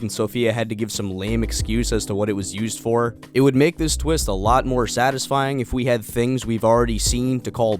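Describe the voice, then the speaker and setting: A young man giving casual, comedic review commentary with sweary, exasperated sarcasm. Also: medium pitch. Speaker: video reviewer.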